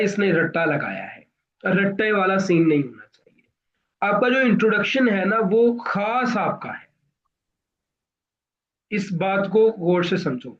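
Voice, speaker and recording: A man from Pakistan coaching students for interviews, explaining deliberately and addressing them directly in an online class. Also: high voice, highs cut off.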